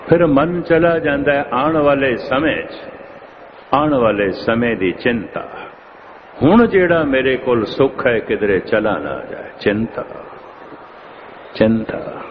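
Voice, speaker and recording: A man preaching a religious discourse at an unhurried, deliberate pace, circling back to repeat his key phrases for weight. His voice sits in a middle register. The sound is thin and phone-like, with a faint hiss underneath. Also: medium pitch. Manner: measured, repeats phrases for emphasis. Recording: tinny phone-like lo-fi audio with faint noise.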